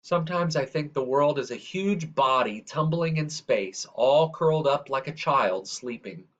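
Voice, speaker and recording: In this read-aloud of a children's picture book, a man narrates from a script with a medium-pitched voice, drawing out phrase endings in a measured, expressive delivery. The audio quality is lo-fi and a little dull.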